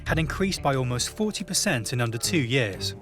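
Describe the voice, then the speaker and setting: A man's voice: medium pitch, big pitch swings, a little fast. A man reading scripted documentary narration. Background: loud music.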